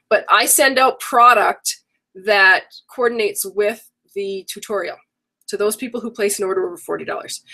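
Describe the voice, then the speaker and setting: A woman's voice: fairly high pitch, a bit bright. A middle-aged woman hosting an online craft workshop, rambling and correcting herself as she goes, her voice worn from a coming cold. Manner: chatty, rambling, self-correcting. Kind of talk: casual live-stream chat.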